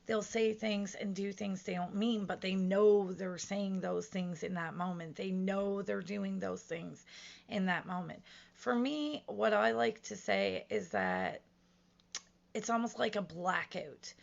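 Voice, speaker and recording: A woman's voice: mid-range voice, creaky, muffled recording. A woman in her thirties talking earnestly and casually about her own experience, with many fillers and restarts. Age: 30s. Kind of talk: casual personal talk to camera.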